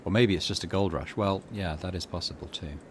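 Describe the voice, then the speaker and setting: A man who hosts a gaming channel reads game text aloud and adds musing remarks, faint game ambience playing behind him. His voice is low and fairly quick, with a little hiss or hum on the recording.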